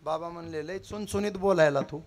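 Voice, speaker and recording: A man's voice: a little high, fairly quick. A man telling a devotional story, dramatic and acting out the characters' cries. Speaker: kirtan preacher.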